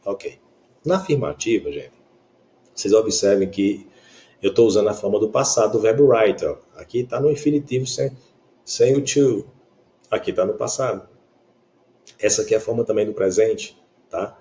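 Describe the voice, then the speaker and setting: This male teacher, speaking Portuguese with a Brazilian accent, walks students through English grammar with patience and frequent comprehension checks. He has a lowish, mellow, expressive voice at normal speed, pausing often.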